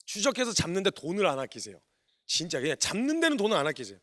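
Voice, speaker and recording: A man, a missionary preacher, giving a sermon in colloquial, animated storytelling style, acting out the quotes he tells. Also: high voice, quick pace.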